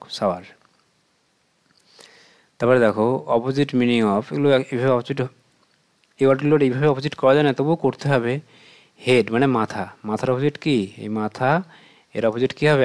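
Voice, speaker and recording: A man with a Bengali accent explaining exam questions to children, asking questions and then answering them himself in a patient, steady way. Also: mid-range voice. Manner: patient, asks and answers his own questions. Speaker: teacher.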